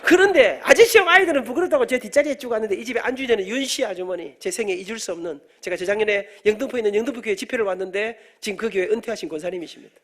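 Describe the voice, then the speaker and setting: A middle-aged man, preaching an animated storytelling sermon in a church and joking with the congregation. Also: high voice, racing, hardly any pauses. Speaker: guest preacher, professor. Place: church sanctuary.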